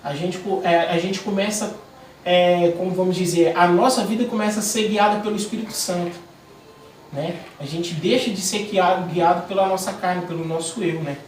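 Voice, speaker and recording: A man with a high, steady-toned voice speaks at normal speed while leading a small church cell group. He gives an informal sermon with his own testimony, lively and peppered with fillers and restarts. The recording has echo, a distant mic, and faint noise.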